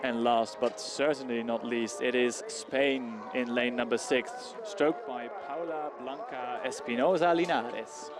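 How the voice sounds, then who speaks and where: A man calling a rowing race live as a commentator, with hesitant phrasing full of small pauses. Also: mid-range voice, fairly even intonation. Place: outdoor regatta commentary spot beside the grandstand. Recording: crowd noise behind. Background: crowd.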